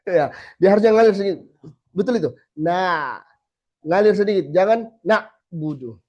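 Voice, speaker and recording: Slow, patient man teaching recitation, dull recording. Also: high-pitched, animated, a little mellow. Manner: demonstrates letter sounds by slow repetition, then corrects. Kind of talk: tajweed lesson to a small group.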